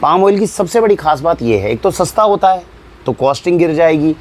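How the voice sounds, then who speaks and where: An Indian man who owns an organic store explains food labels to viewers, with animated, exasperated rhetorical questions. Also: on the high side, a little fast. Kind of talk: explainer talk to camera.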